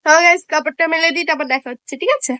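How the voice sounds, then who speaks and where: A woman's voice: high-pitched, steady tone, racing, bright, forceful tone, no room sound. A young woman with a Bengali accent, vlogging in casual chat and talking straight to viewers in a playful way.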